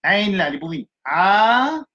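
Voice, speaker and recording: A man leads a Quran reading lesson, sounding out each letter and vowel slowly and repeating syllables for his students. His voice sits high for a man, with a bright, forward tone. He drifts between French, English and Arabic terms as he explains. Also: sing-song, muffled recording. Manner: slow and repetitive, sounding out syllables one by one.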